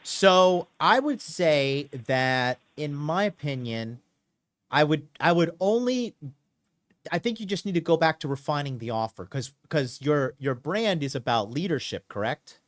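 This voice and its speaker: A man in his late thirties hosts a call-in advice show as a dating coach, talking casually with callers. His voice is on the high side and expressive at a measured pace, and he's emphatic, repeats himself and says "okay" a lot.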